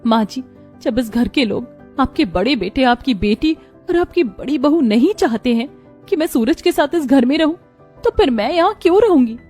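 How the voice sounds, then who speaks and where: A woman's voice: on the high side, normal speed, darkish tone, soft background music, lightly acted. A woman voicing a proud, poor young bride who speaks firmly and indignantly. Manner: indignant, firm.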